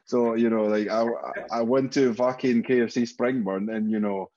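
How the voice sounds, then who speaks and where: Here a guest in his thirties from Spain talks candidly over a video call in a relaxed interview, indoors in a room at home, and swears freely. He speaks with a Spanish accent at normal speed, his medium-pitched voice steady and dark, though the recording is muffled.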